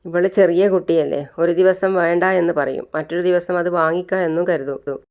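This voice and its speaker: Narrator doing an angry protective mom, snaps back defiantly, clear smooth voice. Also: female voice, lowish voice, fairly even intonation, a little fast, a little mellow, natural voice. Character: angry protective young mother.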